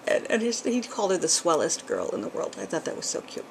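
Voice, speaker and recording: Talking fast with vocal fry, this chatty middle-aged vlogger has a fairly low voice with big pitch swings and a New England accent touched with Southern. She rambles through a casual chat full of ums and little laughs, recorded on a camcorder's built-in mic with a faint hiss or hum.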